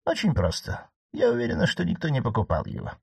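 A man reading an audiobook, voicing a calm, gently mocking elderly aristocratic aunt, a marquise. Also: fairly high pitch, fast talker, vocal fry, husky, dry recording, pitched above the performer's own voice, heavily acted. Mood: calmly certain.

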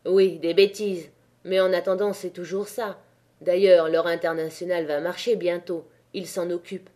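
Soft-spoken fanatical male anarchist, read by a woman with a mellow tone. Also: lowish voice, level tone, moderate pace, lightly acted. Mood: quiet. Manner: soft, then fervent.

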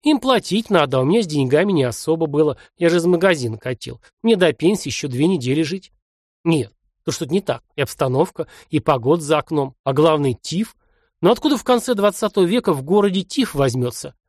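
A man playing a weak, hoarse man in his fifties. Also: on the high side, expressive, no echo, clean studio sound. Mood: wry. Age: 50s. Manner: hoarse, halting, wry inner talk. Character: weak bedridden man waking in a stranger's body.

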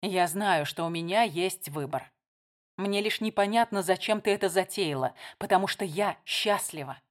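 Woman reader doing an older sister, weary, defensive, lowered voice, audiobook. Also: moderate pace, lightly acted. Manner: tired, defensive.

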